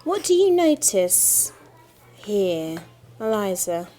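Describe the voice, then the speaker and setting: A woman's voice: mid-range voice, very animated, slow, mellow. A woman teacher patiently guiding young children through reading, praising them and asking questions in a classroom. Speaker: primary school teacher. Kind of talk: guiding a small reading group.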